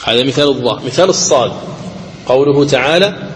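A male recitation teacher giving a deliberate lecture, repeating each rule and slowing down to chant the examples. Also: medium pitch, animated, long reverb tail, rough recording. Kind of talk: explanatory lecture on recitation rules.

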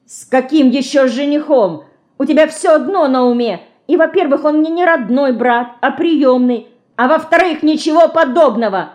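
A woman reading an audiobook, voicing a hot-tempered young city girl who snaps back in sharp, indignant outbursts. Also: high voice, animated, moderate pace, voice pushed up.

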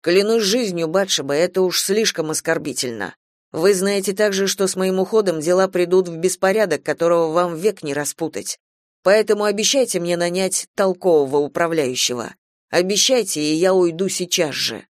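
A man's voice: sits high, normal speed, dry recording, studio quality, lightly acted. A man playing a steadfast, devoted farm manager who speaks earnestly and bluntly in a radio play. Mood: blunt reproachful.

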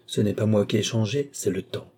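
Man doing a domineering old baron, ironic and coaxing, low dark husky voice. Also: a little fast.

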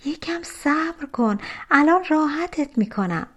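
A good-hearted fairy-tale girl speaks in a raised, sweet voice, as a woman voices her. She sounds eager and gentle, and her lines come out soft. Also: fairly high pitch, sing-song, pitched above the performer's own voice. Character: kind young girl, good sister.

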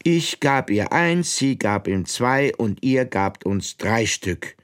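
A man voicing a pompous, fussy old king of cards, self-satisfied and quick to take offence, in a storybook reading. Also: medium pitch, expressive, voice pushed up.

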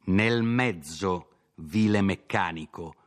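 A man's voice: deep voice, takes it slowly. A man voicing an arrogant, imperious nobleman who speaks with haughty contempt in a storybook reading. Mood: imperious, contemptuous.

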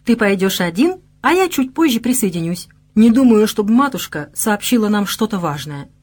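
A fiery young bride from an audiobook, quick-tempered and capricious, as a woman reader voices her. Her lines jump up brightly and hotly. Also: mid-range voice, very animated.

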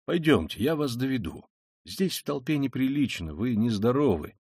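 Male reader as a hushed, gentle middle-aged official; low and muttered, in a dry audiobook read. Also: big pitch swings, normal speed, slightly rough, dry recording. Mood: soothing. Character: solemn male official about fifty, gentle.

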